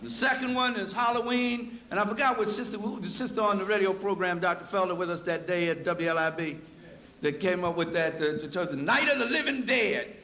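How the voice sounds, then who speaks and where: A man giving a live lecture to an audience, folksy and preacherly, dropping low for asides and rising to emphatic points. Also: brisk, pushed and bright. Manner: folksy, addresses audience as y'all. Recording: echoey hall recording with faint noise.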